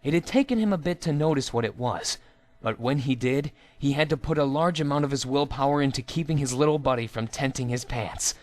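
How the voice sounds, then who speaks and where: With a medium-pitched, slightly mellow voice, a man narrates a written story a little fast, and the recording sounds dry. His reading is dramatic and theatrical, as if an amateur storyteller were acting out the text.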